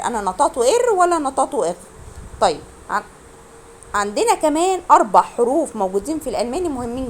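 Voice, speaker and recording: A woman with an Egyptian Arabic accent teaches beginner German in an online lesson. Her voice sits high, and its pitch rises and falls a lot as she talks quickly. She repeats each word slowly and quizzes her students, over faint background noise.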